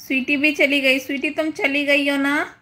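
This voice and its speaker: A woman's voice: sits high, little pitch movement, moderate pace, sharp tone. A woman hosting a casual live stream, chatting and greeting viewers by name.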